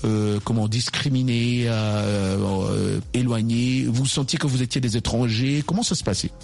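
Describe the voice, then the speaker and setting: A man's voice: medium pitch, steady tone, moderate pace, creaky, darkish tone. A man hosting a casual interview, hesitant and repeating his words, with faint music behind him. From Congo. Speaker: host.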